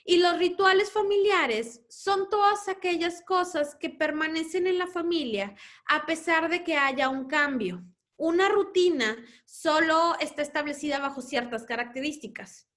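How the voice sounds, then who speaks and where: Addressing parents on family life, this mother speaks in a high, slightly bright voice with a Mexican Spanish accent and a slightly slow pace. She lays out her points as an adult parent and imitates the things kids say at home.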